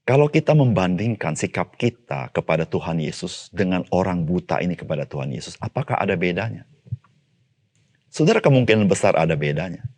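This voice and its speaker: Male pastor, low-pitched, animated sermon delivery that climbs for emphasis and sinks for asides. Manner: addresses listeners as "Saudara"; swings between raised, emphatic calls and low, quiet asides. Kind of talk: devotional sermon.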